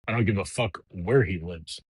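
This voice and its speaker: On his podcast, a middle-aged man rants about politics in a casual, profane, heated style, bluntly restarting his sentences again and again. His low, husky voice moves at a normal speed, captured in a dry, rough recording.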